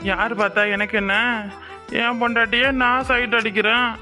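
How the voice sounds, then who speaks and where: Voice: medium pitch, steady tone, normal speed, bright, forceful tone, soft background music. Someone voicing a boastful cartoon husband. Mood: playful. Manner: bragging, joking banter. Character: boastful young husband, playful and teasing. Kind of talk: cartoon voice acting.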